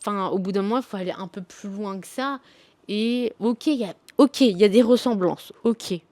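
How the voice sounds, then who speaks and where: A woman's voice: medium pitch, normal speed, dark tone, no room sound. A young woman chatting casually about her favourite books, rambling and slangy with lots of fillers. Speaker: book vlogger. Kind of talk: casual book review chat.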